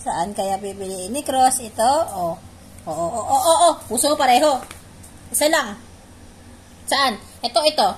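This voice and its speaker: High-pitched woman coaxing her dog. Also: normal speed, long pauses, a little hiss or hum. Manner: coaxing, repeats short commands. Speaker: pet owner. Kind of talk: playful talk to a dog.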